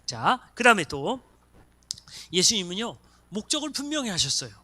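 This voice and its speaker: A man's voice: high-pitched, moderate pace. A man preaching as pastor of a church, acting out little voices of people in his stories. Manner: animated, acts out voices of congregants and students. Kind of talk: sermon. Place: church sanctuary.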